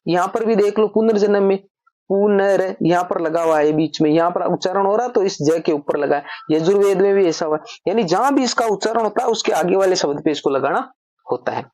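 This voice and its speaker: A woman teacher walks through grammar rules patiently, one step at a time, often asking a question aloud and then answering it herself. Her voice sits at a medium pitch. The recording is dry and close, with no room sound. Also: fairly quick, a little mellow, dry recording. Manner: repeats points as questions and answers them herself. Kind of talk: explanatory lesson.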